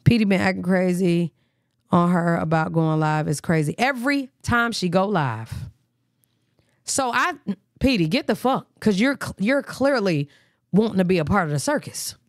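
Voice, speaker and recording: A woman's voice: fairly low pitch, expressive, moderate pace, dry recording, studio quality. A woman hosting a live reaction stream in blunt, profane casual talk. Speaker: livestream host.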